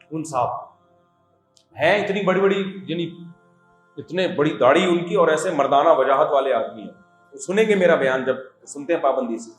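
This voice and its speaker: A man gives a humorous religious lecture, telling stories with jokey asides to an audience of students. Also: fairly high pitch. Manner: storytelling, jokey asides, quoting voices. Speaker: religious scholar giving a talk. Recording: echoey hall, faint music.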